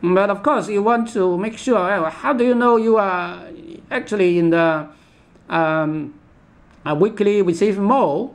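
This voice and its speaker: In an off-the-cuff product walkthrough, a male demonstrator gives instructions one step at a time. He speaks in a high, creaky voice, haltingly and with frequent repetition, and his English grammar is imperfect.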